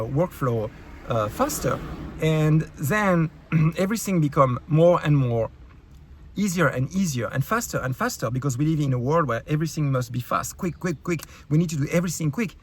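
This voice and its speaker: This French-accented YouTube creator from France speaks at normal speed in a slightly high voice with lively intonation, bluntly ranting in anger to camera. Slight background noise is present, and his heated talk is laced with profanity, fillers, and restarts.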